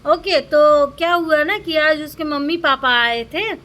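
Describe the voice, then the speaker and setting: Young woman, casual vlog, indignant and complaining, high pitched. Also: unhurried, a bit bright. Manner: aggrieved, complaining, repeats "bhai" often. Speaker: vlogger.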